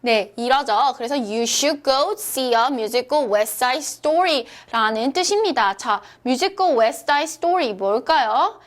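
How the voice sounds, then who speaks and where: A woman's voice: high-pitched, lively intonation, extremely slow, hardly any pauses. A young woman teaching English pronunciation in a cheerful, coaxing lesson voice, often asking her listeners questions. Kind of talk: upbeat lesson narration.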